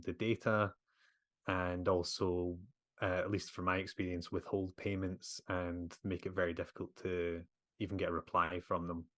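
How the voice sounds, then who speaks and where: A man with a very low, deep voice, recorded close and dry. He gives measured advice as a guest, pausing with frequent fillers. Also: fairly bright tone, no echo. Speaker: film director guest. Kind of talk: casual interview conversation.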